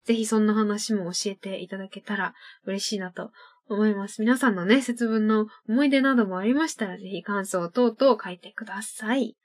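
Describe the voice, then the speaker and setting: A woman's voice: medium pitch, moderate pace, few pauses. A young woman hosting her own internet radio show, chatting casually and laughing at her own tongue-twister slips. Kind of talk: casual solo radio talk.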